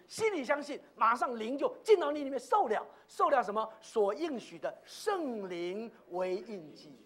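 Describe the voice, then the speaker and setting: Animated, laughing male gospel preacher. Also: very high-pitched. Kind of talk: gospel sermon with storytelling. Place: church meeting hall.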